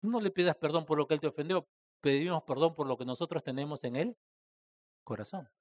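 A man with a somewhat high voice preaches a church sermon at a brisk pace, calling the congregation brothers and asking rhetorical questions. His delivery swings between loud, stressed phrases and soft, trailing endings.

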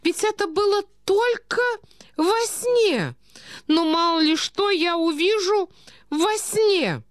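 A woman voicing a forgetful, fussy old male prince who talks in meandering, plaintive, drawn-out phrases. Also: very high voice, no echo, studio quality, pitched above the performer's own voice. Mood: flustered.

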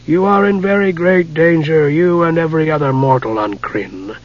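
Man doing a creepy old archmage, dry raspy voice, soft and slow, muffled sound. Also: a little high, pitched above the performer's own voice, lightly acted. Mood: cold. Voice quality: dry, rasping. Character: irritable, menacing old male archmage.

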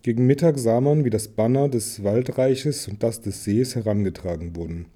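A man narrating an audiobook in a measured storytelling manner. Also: medium pitch, dark tone, husky. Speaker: reader.

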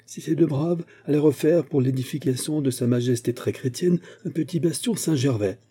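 A man reads a proud, hot-tempered aging musketeer captain in an audiobook. His retorts come sharp and indignant, in a very dark, husky voice. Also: medium pitch, moderate pace, voice pushed up, close to an everyday voice. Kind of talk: audiobook reading.

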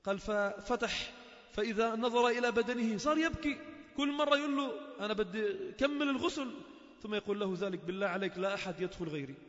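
Male preacher with a high voice, emotional storyteller, recorded in a long-echo mosque hall. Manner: emotive storytelling that voices each character's speech. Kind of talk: sermon with storytelling. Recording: muffled, echoey mosque recording.

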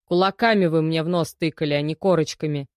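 Brief: woman voicing a loud, grumbling ex-con man, low and dry, storybook interrogation. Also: a little fast, no echo, lightly acted. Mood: defiant protest. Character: male detained ex-convict, defensive, sullen.

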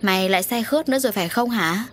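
A woman's voice: mid-range voice, rapid-fire, soft background music, natural voice. Give me a fretful scolding middle-aged mother, acted by a woman reading a story. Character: worried middle-aged mother, anxious and nagging.

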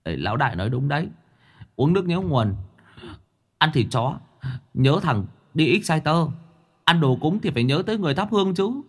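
A cheeky old ghost, put on by a man, chattering high and fast in a spoken ghost tale. He rattles off his words in an eager, sing-song patter. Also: sing-song, breathy edge. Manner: quick, chirpy banter.

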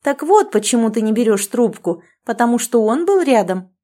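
A woman's voice: fairly high pitch, animated, moderate pace, darkish tone. A woman voicing a domineering, self-certain female friend who lectures and commands in a sarcastic tone, in an audiobook. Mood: indignant. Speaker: language teacher.

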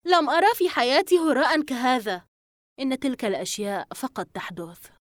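Brief: a high, teasing young friend read by a woman for an audiobook, lively and dry. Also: brisk, dry recording, natural voice. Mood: indignant.

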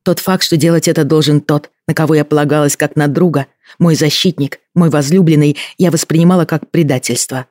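A man reading a novel aloud as scripted first-person narration, in a measured, even manner. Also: on the high side, dry recording, clean studio sound. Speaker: audiobook narrator.

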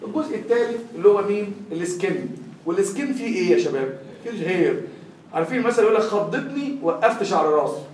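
A young man with an Egyptian Arabic accent teaches a class, pressing his students with a steady stream of questions. He sounds high-pitched, expressive, racing and a little mellow, captured distantly in an echoey room with some hiss or hum.

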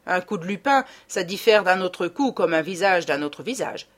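Woman doing Ganimard, a gruff old inspector. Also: on the low side, expressive, normal speed. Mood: blunt. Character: old male police inspector, gruff but admiring.

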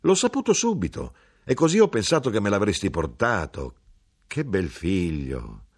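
A man's voice: low voice, very animated, normal speed, breathy edge, exaggerated voice. A man reading an audiobook voices a coy, flirtatious youngish woman, his mother's friend, with giggling protests. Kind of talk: audiobook character voice.

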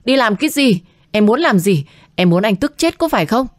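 A woman's voice: lowish voice, fairly quick, dry recording, studio quality, close to an everyday voice. A woman voicing a protective young boyfriend. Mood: exasperated. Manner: short, firm replies. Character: young man, well-off, protective, quick to anger.

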